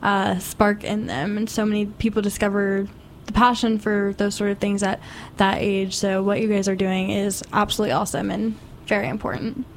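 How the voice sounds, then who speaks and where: A woman's voice: medium pitch, flat delivery, moderate pace, a little hiss or hum. A woman hosting a campus radio show, interviewing a guest and reading announcements in an upbeat way.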